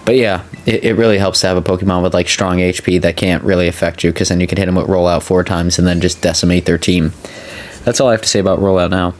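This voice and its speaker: Low-voiced gamer guy, sore mouth after dental work. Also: fairly even intonation, fast. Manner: talking carefully with a sore mouth after wisdom tooth removal. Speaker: video game let's player. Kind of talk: casual gameplay commentary. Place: indoor voice-over recording.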